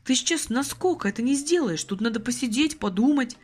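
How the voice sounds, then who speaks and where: A woman's voice: high-pitched, lively intonation, a little fast, soft background music, pitched above the performer's own voice. A woman voicing an exasperated, level-headed young man who scolds and pleads with a friend, in an audiobook reading. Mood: indignant.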